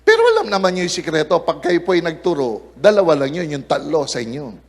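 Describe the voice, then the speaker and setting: Animated pastor in echoing hall. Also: male voice, fairly high pitch, brisk. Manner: animated, acts out quoted lines in changed voices. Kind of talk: sermon.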